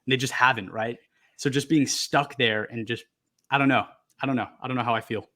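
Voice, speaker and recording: A man's voice: mid-range voice, steady tone, brisk, sharp tone. A man co-hosting a sports podcast, chatting casually and hedging as he thinks aloud. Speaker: podcast co-host.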